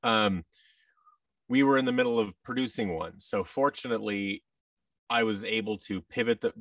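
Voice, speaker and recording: Appearing as a guest over a video call, this thirtysomething American voice actor and audio drama producer talks casually and wryly pokes fun at himself. His lowish, slightly bright voice moves at normal speed. A boom-arm mic and headset in a large studio room catch him from a distance, with no echo.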